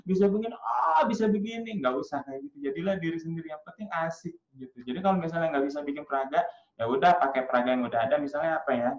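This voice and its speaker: A man coaching parents in storytelling, talking in a lively, demonstrative way with frequent filler sounds. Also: a little high, very fast, roomy sound, dull audio. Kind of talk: casual workshop talk to parents.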